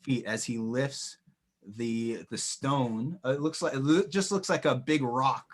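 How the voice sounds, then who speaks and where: A man's voice: mid-range voice, measured pace. A man running a tabletop role-playing game as game master, narrating scenes descriptively with frequent fillers and restarts. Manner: descriptive, hesitant with many fillers.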